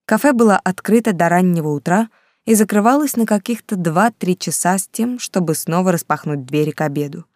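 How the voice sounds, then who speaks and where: A woman narrating a novel as an audiobook in a calm, even storytelling manner. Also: on the low side, no room sound, studio quality.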